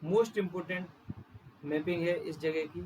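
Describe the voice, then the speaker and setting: A male teacher giving an exam-prep geography lecture, pointing at a map and slowly repeating and spelling out place names. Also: on the high side, steady tone, a little mellow, a little hiss or hum, low-quality recording.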